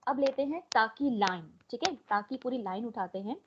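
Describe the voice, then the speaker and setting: A woman's voice: fairly high pitch, animated, fairly quick, background noise. A young woman with an Indian accent teaching an online language class, mixing Hindi and English and coaxing students to answer. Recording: dull lo-fi online call audio.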